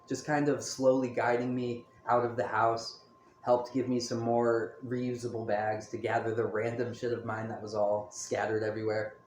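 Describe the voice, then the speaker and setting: A man's voice: medium pitch, little pitch movement, moderate pace, darkish tone, echoey room, slight background noise. A man telling a personal story in a casual, candid monologue, full of fillers. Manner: candid, rambling, many fillers.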